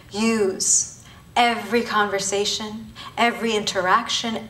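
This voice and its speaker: A woman in her thirties, from Bangladesh and raised in Thailand, performs a spoken-word piece live to an audience in a university auditorium. Her slightly high, fairly bright voice presses each listed word with emphatic, rhetorical pauses. She sounds distant from the microphone, with roomy hall echo trailing her lines.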